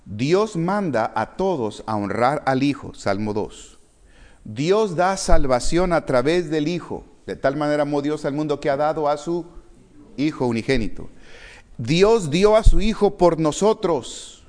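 Animated preacher, higher voice. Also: male voice, unhurried. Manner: animated preaching, rising on emphasis and dropping low on quotes. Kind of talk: sermon.

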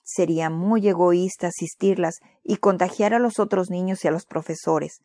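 A woman voicing a caring mother who talks softly and slowly. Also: fairly low pitch, fairly even intonation, dry recording, studio quality, close to an everyday voice. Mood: compassionate. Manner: soft, slow, compassionate. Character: caring mother, gentle and sensible.

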